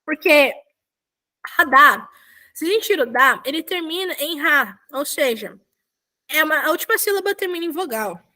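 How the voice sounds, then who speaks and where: Young woman, high bright voice, casual video-call teacher who corrects herself and keeps checking in. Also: lively intonation, moderate pace. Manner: chatty, self-correcting, frequent checks with students. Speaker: volunteer Korean teacher. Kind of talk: casual online lesson.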